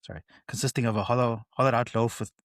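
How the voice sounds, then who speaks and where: A man's voice: medium pitch, steady tone, quick pace, no echo, clean studio sound. A man from South Africa telling stories in a casual podcast chat, chatty and swearing casually.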